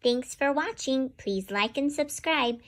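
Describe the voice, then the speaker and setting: This is children's storytelling: a woman host with a high, slow voice reads from a picture book. She's animated and speaks right to the young ones listening.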